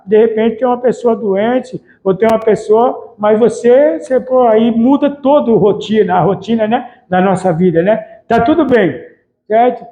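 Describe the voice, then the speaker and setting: In a casual sermon, this man preaches like he's chatting, imitating how his family members talk in everyday conversation. His pitch is extremely high and mellow, and the recording has its highs cut off.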